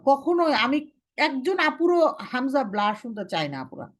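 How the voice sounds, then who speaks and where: A young woman with a slightly high voice leads a recitation class. She gives firm, step-by-step instructions and slows right down to model each sound for her students. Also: big pitch swings. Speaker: Quran recitation teacher.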